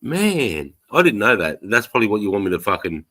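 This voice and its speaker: A man's voice: lowish voice, very animated, fairly quick, fairly bright tone. An Australian man hosting a casual livestream, chatting in a blokey, slangy way with plenty of swearing. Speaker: livestream host.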